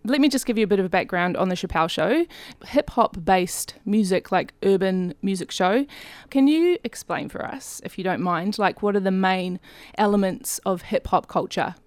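A woman's voice: mid-range voice, expressive, normal speed, no room sound. A woman hosting a casual studio interview, putting questions to her guest in a conversational way. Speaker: radio show host, interviewer.

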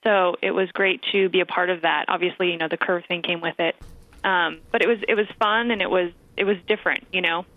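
A woman's voice: on the low side, steady tone, fairly quick, no echo. A woman being interviewed as a guest actress and comedian, speaking candidly and laughing easily. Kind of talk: casual interview chat. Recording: tinny phone line.

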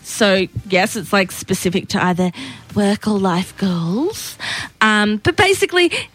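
A woman's voice: mid-range voice, lively intonation, measured pace, fairly bright tone, breathy edge, faint music behind. A woman co-hosting a breakfast radio show, chatting with opinionated, filler-heavy banter.

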